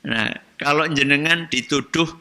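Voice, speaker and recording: An Islamic preacher delivers a religious study lecture, posing questions to his audience and then answering them himself. His voice is a little high with a sharp tone, his pace unhurried, and a long hall reverb surrounds the recording.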